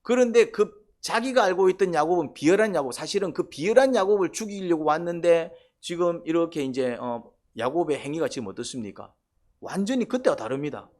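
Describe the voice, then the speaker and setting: Animated pastor preaching. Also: male voice, on the high side, a little fast. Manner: conversational, asks the congregation questions and answers them himself; acts out quoted voices, sometimes shouting. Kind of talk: sermon.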